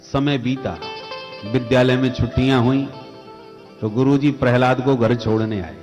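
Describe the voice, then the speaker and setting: A man's voice: medium pitch, normal speed. A man preaching a devotional story sermon, telling it dramatically and calling out to the audience. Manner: dramatic, animated storytelling with call and response. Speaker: katha preacher. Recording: echoey hall with music.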